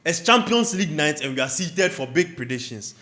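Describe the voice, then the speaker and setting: A man's voice: a little high, sing-song, a little fast, over loud music. A man hosting a casual football preview panel, chatty and introducing the panelists. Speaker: host.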